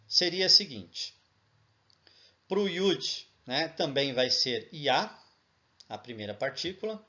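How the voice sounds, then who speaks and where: A man's voice: on the high side, pushed and bright, dull audio. A man with a Brazilian Portuguese accent explaining a lesson patiently, checking in often with tag questions. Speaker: teacher.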